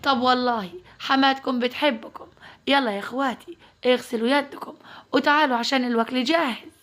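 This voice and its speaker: Woman doing a gentle peacemaking young cousin. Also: high voice, steady tone, fairly quick. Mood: soothing.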